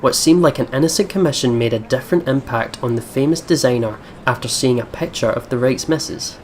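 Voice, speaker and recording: Brisk and slightly dark, a mid-range male voice comes through a desk microphone with faint background noise. The speaker is a let's play host sitting at his computer at home, offering loose, rambling game commentary peppered with slang and curses, sometimes reading on-screen text.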